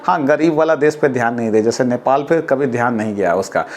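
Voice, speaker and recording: A man teaching a history lesson to students, speaking in Hindi and switching to slow, carefully spaced English sentences, often asking and answering his own questions. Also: mid-range voice. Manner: explains in Hindi, then reads English lines slowly and deliberately.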